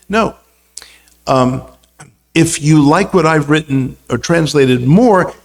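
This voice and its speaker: A guest speaker from the United States, who works as a religious teacher and university lecturer, talks with a medium-pitched voice marked by vocal fry. His talk is casual and conversational, built around anecdotes and frequent asides.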